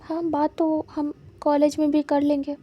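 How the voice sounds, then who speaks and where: A woman voicing a possessive young man who speaks to his lover in a hushed, coaxing way. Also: high-pitched, monotone, unhurried, muffled recording.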